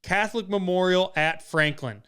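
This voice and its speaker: A man's voice: high-pitched, moderate pace, sharp tone, clean tone. A young man from Wisconsin co-hosting a casual podcast, giving emphatic, opinionated sports talk. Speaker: podcast co-host.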